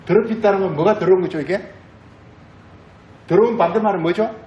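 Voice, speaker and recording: A man's voice: high-pitched, fairly quick, roomy sound, muffled recording. A male pastor giving a sermon, repeating phrases and asking the congregation questions. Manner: repetitive, asks the congregation questions.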